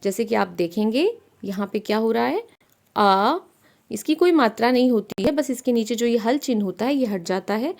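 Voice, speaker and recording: Gravelly-voiced woman teaching grammar. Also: fairly high pitch, animated, moderate pace, darkish tone. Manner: patient, explaining step by step with questions to pupils. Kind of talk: primary-school grammar lesson.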